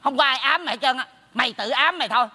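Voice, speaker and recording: High, bright, blunt neighbor who teases his friend; stage comedy with long reverb. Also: full character voice. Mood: teasing. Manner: teasing, blunt, rapid scolding. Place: theater stage.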